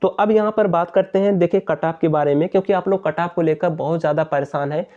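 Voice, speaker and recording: A host of an exam update channel informally explains updates straight to his viewers, repeating his points as he goes. The muffled, lo-fi voice-over has a slightly high, somewhat mellow voice and a quick pace.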